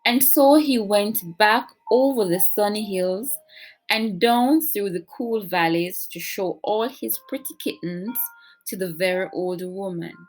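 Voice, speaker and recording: A woman reads a picture book aloud to children at an unhurried pace. Her delivery is deliberate and expressive, shaped like classic storytelling, with a mid-range voice. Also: mid-range voice, soft background music, low-quality recording. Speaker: storybook reader, teacher.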